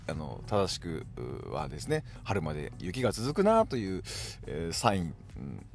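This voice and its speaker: A man with a Hokkaido accent talks through a casual solo podcast episode in a lowish voice. His pitch moves all over the place as he chats, and he fills the gaps with short affirmations. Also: darkish tone. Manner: chatty, dotted with "hai" affirmations. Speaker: podcast host.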